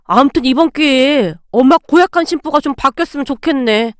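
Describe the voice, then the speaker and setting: A woman's voice: high-pitched, brisk, no room sound, clean studio sound, lightly acted. Woman doing a taunting grown son.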